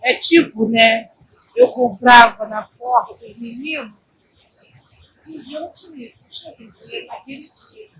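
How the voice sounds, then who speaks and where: A woman pastor from Brazil preaching a sermon in an animated way, moving between loud exhortation and quiet asides. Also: a little high, measured pace, noisy background. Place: church.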